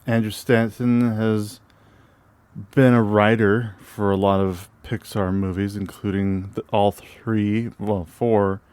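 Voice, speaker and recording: A man co-hosting a casual movie podcast. He reads film credits haltingly, with many fillers and restarts. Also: on the low side, flat delivery, a little mellow, clear, resonant tone, no echo. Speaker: podcast co-host.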